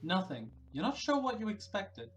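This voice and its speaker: Streamer reading a game's text out quietly on a livestream, mid-pitched voice, chatting with chat in between. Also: normal speed, rough recording. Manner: reads narration in a quiet, even tone, breaks into excited asides. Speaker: game streamer.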